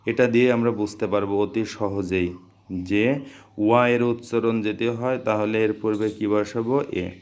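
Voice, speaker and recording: A man's voice: lowish voice, fairly even intonation, a little slow, a little mellow. A man teaching a grammar lesson, who keeps asking questions and answering them himself.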